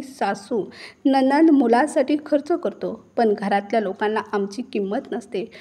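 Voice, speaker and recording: A woman voicing a wronged middle-aged mother-in-law who has turned defiant, speaking slowly and with emphasis. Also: a little high, darkish tone. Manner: slow, emphatic dramatic delivery.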